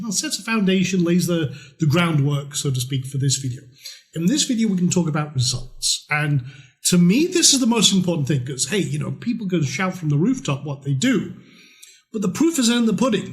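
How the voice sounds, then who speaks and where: Blunt, chatty middle-aged man. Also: on the high side. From Scotland. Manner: chatty, blunt, with mild swearing. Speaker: trading course presenter. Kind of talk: conversational sales pitch.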